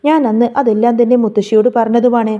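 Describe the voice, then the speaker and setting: A woman voicing a gentle, tearful young woman in a read-aloud story, speaking softly and pleading. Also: fairly high pitch, steady tone, fast, highs cut off, close to an everyday voice.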